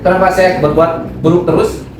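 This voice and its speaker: A man giving a religious study sermon, lively and acting out examples, often asking his audience questions. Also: high voice, normal speed. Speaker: Islamic preacher. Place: study gathering room. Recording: echoey room, distant mic, noisy.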